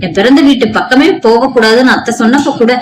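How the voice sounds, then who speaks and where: A woman's voice: fairly high pitch, fast, close to an everyday voice, low-quality recording. A woman doing a meek, pleading daughter-in-law. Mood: pleading sorrowful. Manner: pleading and sorrowful.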